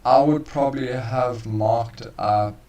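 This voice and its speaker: A man's voice: mid-range voice, takes it slowly, dark tone. Chill guy going over charts on a live stream, sounds far off in a roomy room. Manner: casual, laid-back, calls listeners bro. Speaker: trading co-host.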